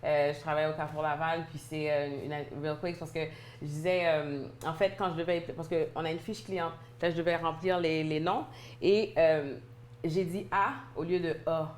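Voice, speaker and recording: A woman in a casual panel discussion, telling stories in an animated, indignant way. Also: low voice, moderate pace. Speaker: panel guest. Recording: echoey room with faint noise.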